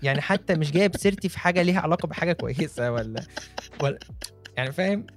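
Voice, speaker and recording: A man with an Egyptian accent speaks quickly in a slightly high voice. He chats casually and comically, teasing and sounding mock-aggrieved, with faint music behind him. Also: animated.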